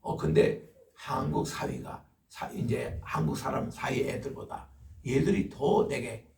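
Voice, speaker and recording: An older man, a pastor, preaching a sermon with lively storytelling and acted-out scoldings. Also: medium pitch, a little slow, creaky. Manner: animated storytelling, acting out scolding voices. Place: church sanctuary. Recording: echoey church hall from far off.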